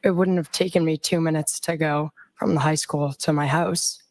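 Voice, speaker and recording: A woman's voice: deep voice, steady tone, moderate pace, darkish tone, rough recording. A young woman testifying as a witness under cross-examination, giving brief, guarded and uncertain answers. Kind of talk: answering questions in court testimony. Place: courtroom.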